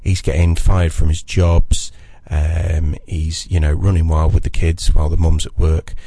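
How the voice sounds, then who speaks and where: A man co-hosting a casual film chat, recapping a story in a measured way, checking in with "okay?". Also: rumbling low, little pitch movement, warm tone, no room sound. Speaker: podcast co-host.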